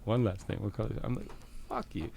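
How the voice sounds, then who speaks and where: A middle-aged man from Canada spins a story on a podcast, loose and animated, swearing as he goes and jumping into the voices of the people in it. His voice sits on the low side. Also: fairly quick, creaky, breathy edge. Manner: animated, swears freely, acts out quoted exchanges. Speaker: podcast guest. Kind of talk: casual storytelling.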